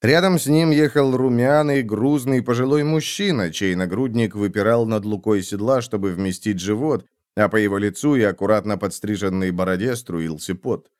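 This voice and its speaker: A man reading an audiobook in steady, scripted narration. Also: fairly low pitch, moderate pace, few pauses, smooth, no room sound, studio quality.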